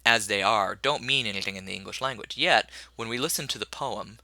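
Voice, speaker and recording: A man's voice: on the low side, fairly quick, pushed and bright, dry recording. A man teaching a recorded lecture, rambling with many fillers and correcting himself as he goes.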